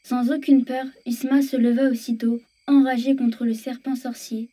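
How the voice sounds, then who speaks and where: A woman's voice: a little high, flat delivery, moderate pace, mellow, recorded from a distance. A woman narrating a children's story expressively.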